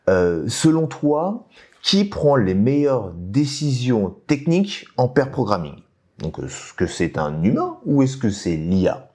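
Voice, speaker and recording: A man's voice: mid-range voice, darkish tone. A man hosting a video, talking casually and animatedly to viewers, with frequent restarts and direct questions to the audience. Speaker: YouTube host talking about AI coding. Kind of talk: casual talk to camera.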